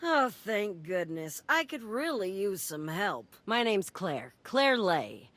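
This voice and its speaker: A woman's voice: medium pitch, very animated, takes it slowly, fairly bright tone, dry recording. An actress voicing a folksy, earnest female wandering merchant in a video game. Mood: worried, earnest.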